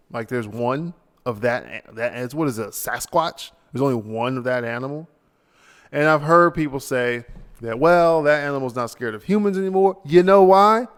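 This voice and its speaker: A man's voice: mid-range voice, long reverb tail. A man hosting his own podcast alone, ranting casually and rambling with slang, tired late at night. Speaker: podcast host. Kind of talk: solo casual monologue.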